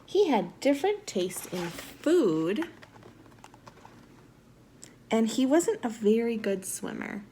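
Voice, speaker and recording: A woman reading a storybook aloud to young children in an animated, expressive teacher's manner. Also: a little high, slow, pauses often, slight background noise. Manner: animated, asks the listeners questions.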